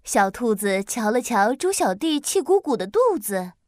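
A woman narrating a children's story in an expressive, lilting way. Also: fairly high pitch, moderate pace, no echo, clean studio sound.

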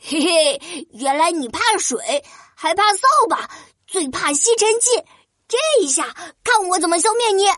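A boyish, procrastinating prince from a children's storybook, whiny and excitable. The voice sits very high and sounds dry and close. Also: male voice, measured pace, no echo. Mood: sly, triumphant. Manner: whiny, exclamatory, dithering. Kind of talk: children's audio storybook character.

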